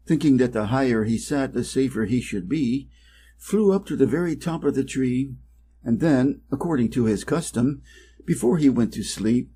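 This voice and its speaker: A man from Wisconsin, United States, with an American accent reads a fairy tale carefully and expressively for English learners. A storyteller and English reading teacher, he has a warm mid-range voice, with slight background noise.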